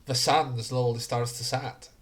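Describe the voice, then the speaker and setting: A man narrating a tabletop game as game master in a halting, improvised way. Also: mid-range voice, fairly even intonation, a bit bright.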